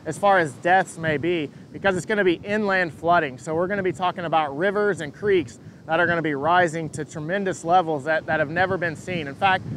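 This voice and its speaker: Halting higher-voiced man giving live storm commentary. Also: fairly bright tone. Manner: hesitant, halting, repeats words mid-thought. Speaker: storm forecaster hosting a live update. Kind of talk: live unscripted weather commentary, answering viewer questions. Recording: engine rumble and wind noise.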